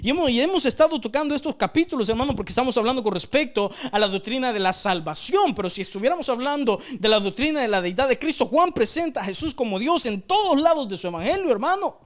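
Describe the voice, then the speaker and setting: A man's voice: very high voice, lively intonation, quick pace, few pauses. A man leading a Bible study, teaching earnestly, repeating phrases for emphasis and often addressing listeners as brother.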